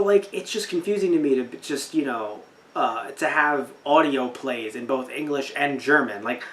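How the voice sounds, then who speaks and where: Talking about anime on his podcast, this young man wanders from point to point in disbelief, saying the same things more than once. He has a fairly high, fairly bright voice. He's far from the microphone, so the room echoes noticeably.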